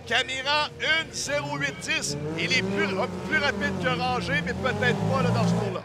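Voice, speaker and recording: A man's voice: very high voice, normal speed. A Québécois man giving live motorsport commentary, analysing the race and reading out lap times. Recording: very noisy outdoor racetrack, engines behind.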